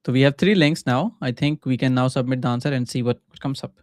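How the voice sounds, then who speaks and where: A Pakistani man whose first language is Urdu, with a Pakistani accent, thinks aloud casually in short, halting phrases while live-streaming his coding. He's a coder and mentor with a medium-pitched voice, recorded without echo.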